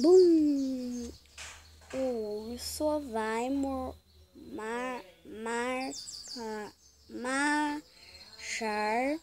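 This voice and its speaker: A woman reading a picture book aloud as if to a toddler, with simple child-directed phrasing, playful emphasis and some halting words. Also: fairly high pitch, slight background noise. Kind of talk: storybook read-aloud, as if to a toddler.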